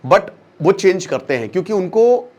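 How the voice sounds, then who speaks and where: A man's voice: sits high, sing-song, moderate pace. A man delivers a motivational lecture. He talks emphatically and mixes English phrases into his speech. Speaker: educator.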